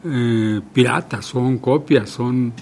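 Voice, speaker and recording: Co-host with pointed questions. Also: male voice, mid-range voice, slow pace, a little mellow, a little hiss or hum. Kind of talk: casual radio chat.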